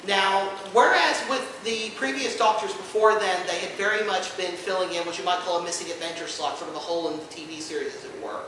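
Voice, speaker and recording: Speaking briskly and with few pauses, this man has a high voice and a sharp tone. He's a podcast co-host running a casual panel at a convention, using dry humor as he explains things. The indoor room echoes, the mic sits far off, and there's background noise.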